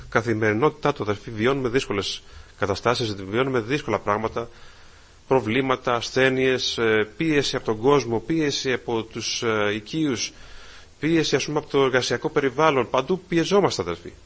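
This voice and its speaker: Husky-voiced man preaching a sermon. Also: medium pitch. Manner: repeats "brothers" often, swells loud on key phrases.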